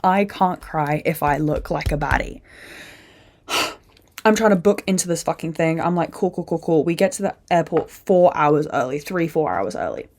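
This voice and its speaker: A young woman hosting a casual podcast, telling a rambling, animated story full of swearing and acting out other people's voices. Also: low voice, normal speed. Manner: acts out other people's lines in put-on voices. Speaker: podcast host.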